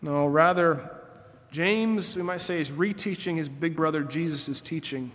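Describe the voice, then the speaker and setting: A man in his late thirties preaching an earnest sermon in a high, bright-pitched voice. He reads scripture aloud and climbs higher on the phrases he wants to land. His words ring out with a long, lingering reverb, as in a large church sanctuary. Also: a little slow. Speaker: pastor.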